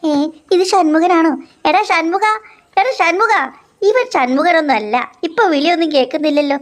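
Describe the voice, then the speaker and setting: A woman's voice: very high-pitched, moderate pace. A woman voicing a cheeky, chatty little boy puppet in a miniature-toy cartoon.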